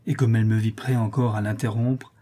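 Male audiobook narrator for a period novel; warm, slightly husky, measured and expressive. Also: fairly low pitch.

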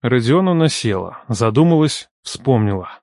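A man's voice: mid-range voice, very animated, normal speed, darkish tone, no room sound, studio quality. A young man narrating an audiobook in the first person, in a playful, teasing and ironic way.

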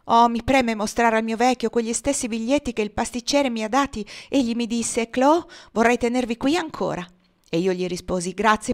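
A woman voicing a talkative aging house cook, devoted and emotional, in a lively exclaiming way. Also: fairly high pitch, close to an everyday voice. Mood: eager.

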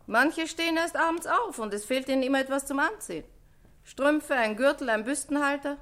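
An actress with a high, slightly bright voice plays a brisk, testy, chatty dress-shop owner in a German radio crime play. She speaks brusquely and colloquially, sounding defensive and matter-of-fact.

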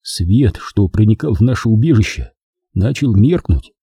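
Male narrator, audiobook memoir, measured telling, lively intonation, dry close sound. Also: on the low side, breathy edge, no echo.

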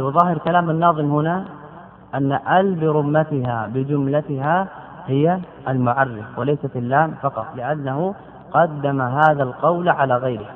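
Male grammar teacher, somewhat high voice, repeats forms slowly, quizzes students, tinny phone-like sound. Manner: repeats words slowly to drill forms, asks students questions. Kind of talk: classical Arabic grammar lesson explaining a verse text. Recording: tinny phone-like lecture recording.

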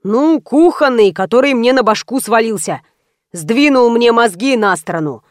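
A woman's voice: fairly high pitch, lively intonation, moderate pace, no echo, studio quality, natural voice. A woman voicing an eccentric elderly father who bluntly predicts people's fates. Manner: blunt, matter-of-fact.

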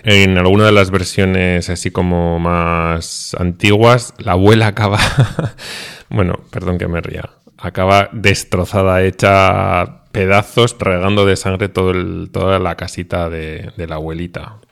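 A man co-hosts a radio talk show in easy, casual chat. He sounds amused and often chuckles mid-sentence, his voice very deep. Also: level tone, a little slow, vocal fry, fairly bright tone, clear, resonant tone.

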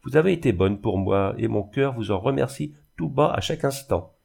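A man voicing a tender-hearted young woman in a reading of a classic novel, speaking gently and with feeling. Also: medium pitch, lively intonation, normal speed, gravelly, slightly rough, full character voice. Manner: pleading, emotional.

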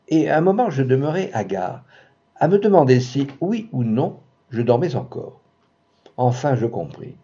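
Casting: dark, husky male storyteller, dramatic literary reading, expressive delivery, dull lo-fi sound. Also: mid-range voice.

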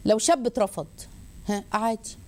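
A woman with an Egyptian Arabic accent hosting a religious advice talk, lively and rhetorical, listing points and mimicking people. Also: a little high, brisk, slight background noise. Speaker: host.

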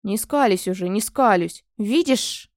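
A woman's voice: medium pitch, lively intonation, measured pace, dry recording, clean studio sound, lightly acted. A woman voicing a rude, skittish male dragon familiar in a storybook, growling and hissing his lines. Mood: grumbling.

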